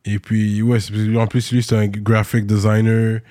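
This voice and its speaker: A man's voice: lowish voice, completely flat delivery, unhurried, warm tone. Man guiding an interview. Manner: steers the talk with short questions. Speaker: podcast host. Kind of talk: casual interview.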